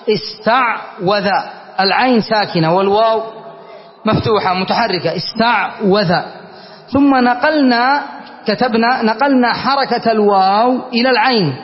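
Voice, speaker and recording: A man's voice: sits high, moderate pace. A man teaching an Arabic grammar class, stretching out words and repeating them for his students. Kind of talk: classroom lesson. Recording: dull, echoey classroom recording.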